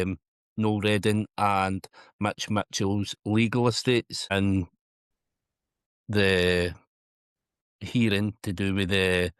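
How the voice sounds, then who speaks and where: A man's voice: lowish voice, clean tone, no room sound, clean studio sound. A man hosting a podcast, introducing his guest casually with many ums. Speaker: podcast host.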